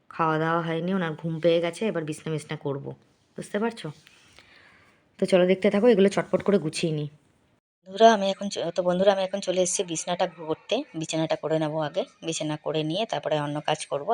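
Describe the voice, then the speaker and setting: A middle-aged woman chatting casually to her viewers as she shows her chores at home. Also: on the low side. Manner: chatty, addresses viewers as friends. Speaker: vlogger. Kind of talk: casual home vlog chat.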